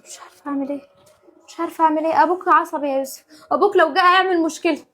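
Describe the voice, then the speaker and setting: Woman acting as put-upon young egyptian mom, very high voice, rapid-fire, exasperated. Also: fairly bright tone. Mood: pleading. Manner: exasperated, pleading, quick rapid-fire talk. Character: harried young wife and mother, put-upon. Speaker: wife and mother in a family skit. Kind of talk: home-video family sketch acting.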